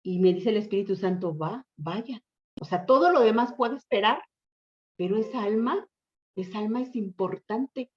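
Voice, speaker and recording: A middle-aged woman pastor shares an emotional testimony in a sermon, earnest and heartfelt, acting out quotes as she tells the story. Her mid-range voice moves at a normal speed, captured in a muffled, lo-fi church recording.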